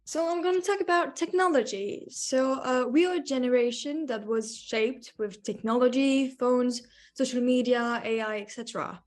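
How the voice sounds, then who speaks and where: Young woman from France, student panelist, higher voice, reads prepared points. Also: normal speed. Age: young adult. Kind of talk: student podcast, read from notes.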